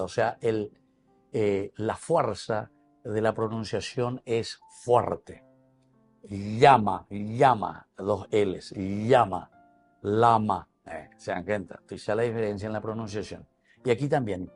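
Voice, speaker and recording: A man's voice: fairly low pitch, darkish tone. A man with a Paraguayan Spanish accent, a priest giving a teacherly Bible reflection on television. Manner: explanatory, teacherly.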